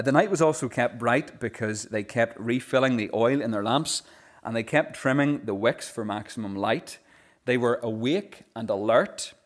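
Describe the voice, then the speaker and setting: A man preaching a sermon in an earnest voice. He often repeats words as he starts a phrase, and he slows down when he reads scripture aloud. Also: medium pitch. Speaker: pastor.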